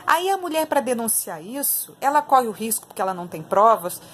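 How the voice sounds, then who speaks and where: A woman's voice: a little high, very animated, a little fast, slight background noise. A Brazilian woman giving opinionated, emphatic commentary to her viewers in a casual spoken style, repeating phrases for emphasis. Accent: Brazilian Portuguese. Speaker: online political commentator.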